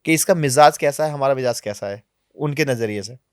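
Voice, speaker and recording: A man being interviewed on a podcast, telling travel stories in a lively, animated way, sometimes dropping to low, quiet asides. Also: a little fast, no echo, studio quality. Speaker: travel vlogger guest. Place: podcast studio.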